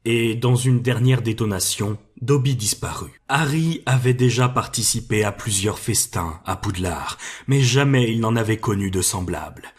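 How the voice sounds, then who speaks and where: A man narrating an audiobook in a steady, measured storytelling voice. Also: lowish voice, husky. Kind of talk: audiobook reading.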